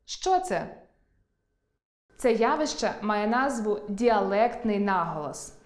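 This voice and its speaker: A woman teacher giving an online school lesson, slowly stressing words to show where the accent falls. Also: medium pitch, lively intonation, a little mellow, reverberant.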